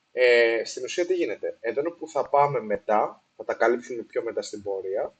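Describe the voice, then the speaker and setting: A man talks through a casual explainer on investing, pausing with fillers and restarting his sentences. His voice is husky and his middle-pitched tone is plain. He often drops English phrases into his talk, and the recording is of poor quality. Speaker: investing video host. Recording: poor sound quality, apologized for.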